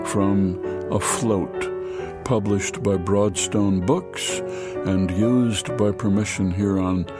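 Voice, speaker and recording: Low, unhurried older male radio host. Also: steady tone. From United States. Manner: unhurried storytelling delivery with long pauses. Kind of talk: scripted almanac narration. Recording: dry studio voice-over with soft music.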